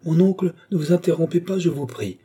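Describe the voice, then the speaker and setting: A man's voice: on the high side, animated, a little fast, mellow, slightly rough, pitched above the performer's own voice. A man voicing a proud, anxious duke who earnestly defends himself in an audiobook reading.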